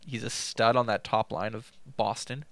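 A man's voice: on the low side, flat delivery, normal speed, vocal fry, no room sound. A man co-hosting a casual fantasy hockey talk, giving player updates in a matter-of-fact way. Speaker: fantasy hockey podcast co-host. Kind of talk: casual chat.

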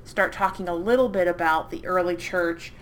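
A woman co-hosting a podcast, chatting enthusiastically with quick asides. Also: fairly low pitch, slight background noise. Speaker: podcast co-host. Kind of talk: casual chat.

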